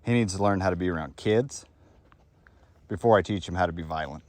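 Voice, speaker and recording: A dog trainer and kennel owner gives an unscripted outdoor talk in a low-pitched voice, speaking a little fast in a casual, blunt, rambling style full of fillers. The recording is dry.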